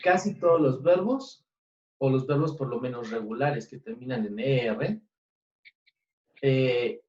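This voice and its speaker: Slow, patient man teaching French. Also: medium pitch, a little mellow. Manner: checks understanding with frequent "sí?" and "oui". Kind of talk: online class teaching in Spanish and French. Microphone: computer mic on a video call. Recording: dull, distant, echoey online call audio.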